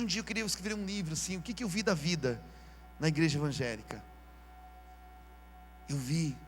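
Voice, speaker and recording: Man, Brazilian accent, pastor, sermon, fairly high voice, casual slangy preaching, soft to shouted. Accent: Brazilian Portuguese. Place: church service, live broadcast.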